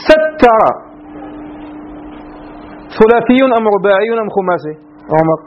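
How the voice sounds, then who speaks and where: Man, grammar teacher, high voice, slow stretched words, keeps checking if students follow, faint hiss. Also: expressive. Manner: stretches key words slowly, often asks the class if it is clear. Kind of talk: Arabic grammar lesson. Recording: dull lo-fi recording.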